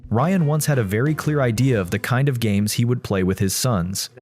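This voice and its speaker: A man's voice: mid-range voice, normal speed, a little mellow, soft background music. A man narrating a video from a script, linking one story to the next.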